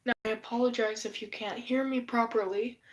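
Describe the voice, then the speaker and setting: A woman's voice: on the high side, steady tone, fairly quick, noisy background. A woman who is sick and losing her voice, chatting casually on a live stream in a rambling, profane, gossipy way.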